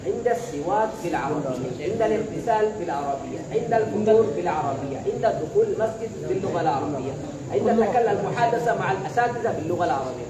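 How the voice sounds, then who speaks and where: Standing far from the microphone in an echoey, noisy room, a high-voiced young man from Bangladesh gives his class a motivational talk. He exhorts them as a fellow student, throwing questions out for the audience to answer back.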